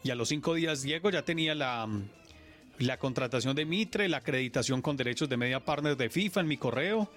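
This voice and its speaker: Soft music plays in the background as a Colombian man who covers sports on radio recounts his stories, animated and sincere, in an interview. He talks briskly at a medium pitch.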